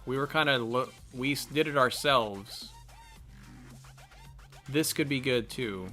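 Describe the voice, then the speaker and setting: A man's voice: mid-range voice, slow pace, sharp tone, faint music behind. A man reading a text game aloud and thinking through his choices in a chatty let's-play style. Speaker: gamer reading and playing an interactive text game. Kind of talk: let's-play narration with casual commentary.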